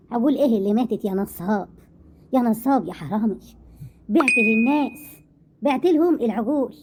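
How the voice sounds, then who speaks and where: A woman with an Egyptian accent voicing a sharp-tongued older mother-in-law who scolds and mocks. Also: fairly high pitch, husky. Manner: scolding, mocking, rapid.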